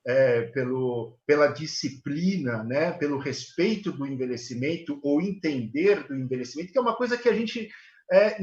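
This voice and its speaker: A man, a guest in a live interview, speaking earnestly and haltingly with many fillers. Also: on the high side. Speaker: guest, elder care manager. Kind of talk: live video call interview. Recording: echoey, dull video call audio.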